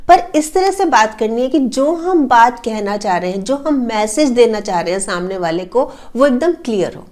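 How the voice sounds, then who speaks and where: Woman, high-pitched voice, casual spoken advice, everyday examples, chatty fillers. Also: lively intonation, moderate pace, a little mellow. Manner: explains with everyday household examples; uses fillers like matlab and a. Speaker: personality development coach.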